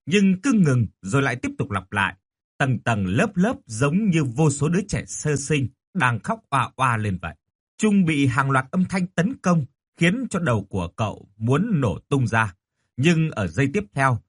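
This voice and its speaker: A man narrates a horror audiobook with a husky voice. His delivery is dramatic and expressive. His pitch rises and falls with lively movement throughout. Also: unhurried.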